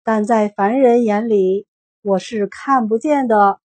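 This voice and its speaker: A woman's voice: a little high, slow pace, a little mellow, dry recording. Oz, a woman playing a trembling humbug wizard. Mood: booming. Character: boastful old humbug wizard, shaken and meek.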